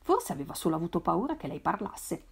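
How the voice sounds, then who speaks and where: A woman reading a novel aloud in a measured, expressive way. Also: on the low side, gravelly, husky. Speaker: reader. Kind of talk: literary read-aloud.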